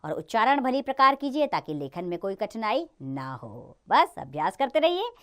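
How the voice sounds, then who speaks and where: A woman teaching a Hindi lesson for children, speaking slowly, clearly and encouragingly. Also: fairly high pitch, sing-song.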